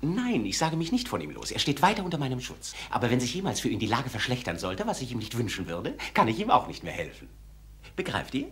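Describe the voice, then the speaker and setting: An actor playing a sly, genial abbé diplomat in a German-dubbed period series, talking suavely and with amusement. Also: male voice, medium pitch, huge pitch swings, fast, a bit bright. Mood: wry. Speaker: abbé, papal envoy.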